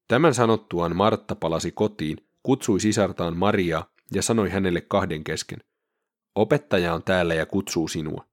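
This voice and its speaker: A man with a very deep voice reads scripture aloud at a measured, solemn pace. The recording is dry and close, with no room sound. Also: dry recording. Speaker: scripture reader. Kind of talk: scripture reading.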